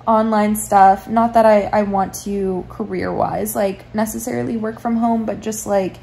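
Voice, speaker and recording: A woman's voice: medium pitch, fairly even intonation, measured pace, gravelly, poor audio. A woman in her twenties, lying in bed, chatting casually into a phone camera about her life in a reflective, meandering way. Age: 20s. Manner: reflective, meandering, soft-spoken. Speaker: vlogger. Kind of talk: casual confessional chat. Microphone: phone camera held at arm's length.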